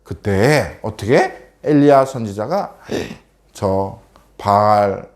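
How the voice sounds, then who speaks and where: A man's voice: lowish voice, expressive, slow. A man giving a children's sermon, telling a story and constantly asking the children questions. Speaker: children's preacher.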